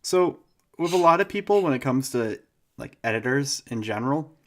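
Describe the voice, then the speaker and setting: A young man co-hosting a podcast, chatting casually with quick, teasing banter. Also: mid-range voice, animated, a bit bright. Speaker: podcast co-host. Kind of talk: casual chat.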